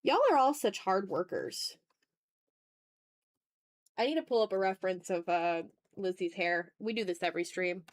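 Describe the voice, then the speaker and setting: Drawing on a livestream, this woman talks to her chat in a loose, unplanned, rambling way, pausing often at a normal speed. She's an art streamer and ASMR YouTuber with a mid-range voice, and the recording carries no room sound.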